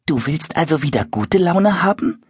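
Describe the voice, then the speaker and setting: A man voicing a curious, eager little boy in a children's audiobook, coaxing and lively. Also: on the high side, normal speed, slightly rough, no room sound, studio quality, pitched above the performer's own voice, heavily acted. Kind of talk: audiobook character voice.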